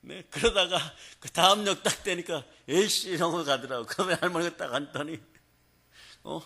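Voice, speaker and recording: A man's voice: on the high side, normal speed, creaky, pushed and bright. A male pastor preaching a revival sermon, telling stories and often prompting the congregation for a response. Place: prayer hall.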